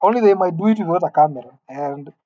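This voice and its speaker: The vlogger, a man in his late twenties, talks fast in a high, warm voice, recorded dry and muffled. By himself in an empty room, he rambles to the camera with wry self-mockery.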